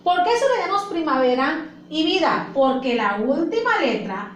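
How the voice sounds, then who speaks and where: A woman teacher talks through a lesson at an unhurried pace, her high voice rising and falling a lot. She repeats herself and checks in with questions. The recording is echoey with faint ambience behind her. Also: sing-song, slight background noise. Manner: patient, repeats points and asks the class questions. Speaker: primary school teacher. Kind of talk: classroom lesson explanation.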